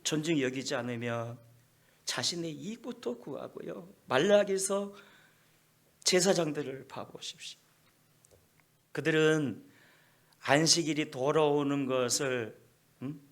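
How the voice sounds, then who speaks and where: A man's voice: fairly high pitch, measured pace, long pauses. A male pastor preaching a sermon emphatically, often prodding the congregation with a rhetorical "eh?". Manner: emphatic, keeps prompting with rhetorical "eh?".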